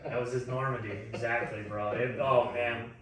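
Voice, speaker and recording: A man's voice: mid-range voice, fairly even intonation, normal speed, a bit bright, slight background noise. A man of forty telling a long story in a casual chat, laughing often and swearing freely. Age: 40s. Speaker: podcast co-host. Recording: echoey room, mic at a distance.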